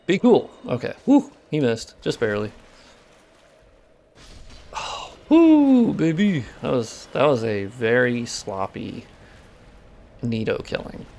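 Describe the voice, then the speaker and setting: Playing live, this male streamer chats with his audience in a mid-range voice at a measured pace. He's casual and swears a lot, breaking off from reactions to walk through technical details.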